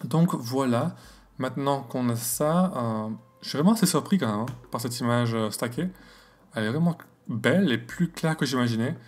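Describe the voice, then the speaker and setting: A man with an English accent and a medium-pitched voice guides viewers through astrophotography software in a screen recording at a moderate pace. He sounds casual and unsure, with lots of fillers and self-corrections.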